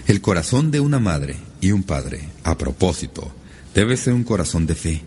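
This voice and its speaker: A man preaching a sermon as a pastor, lively and emphatic, with sudden rises on key words. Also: low voice, normal speed, a little hiss or hum.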